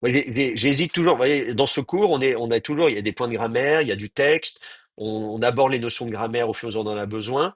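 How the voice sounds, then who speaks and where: Husky, hesitant male teacher. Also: mid-range voice, no echo. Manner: hesitant, thinking aloud with many pauses and restarts. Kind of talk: live online class lecture.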